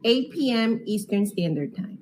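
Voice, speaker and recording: Woman co-host on a live webinar, calm matter-of-fact, mid voice, faint hiss behind. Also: medium pitch, moderate pace.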